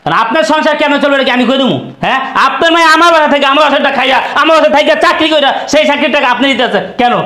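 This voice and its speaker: A high-voiced, rapid-fire bully of a husband, played by a man, hectoring his in-laws. His tone is bright and hard-edged. The scene sits in an echoey room. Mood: angry bullying. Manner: hectoring, shouting threats. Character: greedy bullying young husband, threatening. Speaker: son-in-law demanding money. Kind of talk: amateur short-film acting.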